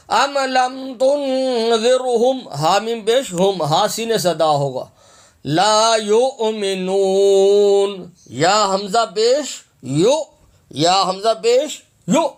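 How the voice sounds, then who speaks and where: High-voiced man teaching Quran recitation. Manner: spells out letters and vowels, then repeats words slowly; asks and answers his own questions. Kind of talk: tajweed lesson with slow drawn-out recitation.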